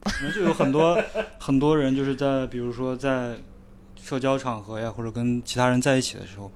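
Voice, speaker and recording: A man's voice: mid-range voice, a little fast, a little hiss or hum. A man hosting a casual podcast chat, reflective and easygoing, asking questions. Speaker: podcast host.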